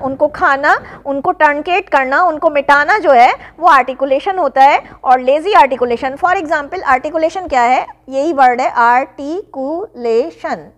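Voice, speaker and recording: A woman teaching an exam-revision lecture, reading English definitions slowly and then explaining them in Hindi. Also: high voice. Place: classroom-style online lesson.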